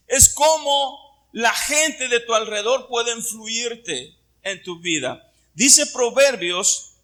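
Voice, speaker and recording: Mexican pastor w/ puerto vallarta accent, high bright voice, slow sermon. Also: male voice. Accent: Puerto Vallarta Mexican Spanish. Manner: preaching with questions to the congregation.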